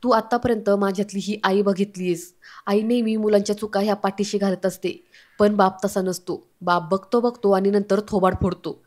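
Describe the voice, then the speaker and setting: A woman's voice: medium pitch, fairly even intonation, normal speed, darkish tone, close to an everyday voice. A woman voicing an elderly grandfather in a retold family drama, speaking firmly and like a father. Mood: stern, fatherly. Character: elderly grandfather, gentle but stern.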